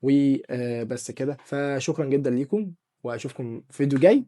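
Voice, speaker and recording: Egyptian guy doing a quick jokey software tutorial, talks super fast, keeps calling you dear artist. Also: medium pitch, animated. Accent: Egyptian Arabic. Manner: chatty, joking, addresses viewer as dear artist. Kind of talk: casual screen-recorded tutorial.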